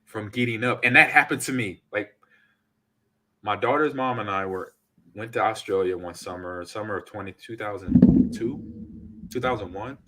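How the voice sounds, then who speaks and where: A man in his forties hosting a casual podcast chat, telling stories with lively acted-out quotes. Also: fairly low pitch, moderate pace, background noise. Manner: animated storyteller, acts out quotes. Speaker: podcast host.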